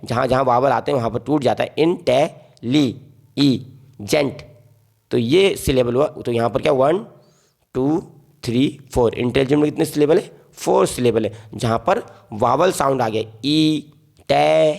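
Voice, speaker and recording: Man, Indian English accent, gravelly voice, patient teacher, repeats explanations. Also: mid-range voice, darkish tone. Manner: repetitive, explains each word in simple terms. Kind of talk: explaining a poem line by line.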